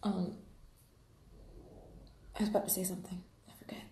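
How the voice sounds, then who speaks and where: Whispering in a fairly low, dark voice with vocal fry, a woman keeps a level tone and moderate pace. She's a livestream host and podfic reader chatting to listeners in a friendly, rambling way, half to herself, from a room at home with rain outside. The recording has a roomy echo and faint background noise.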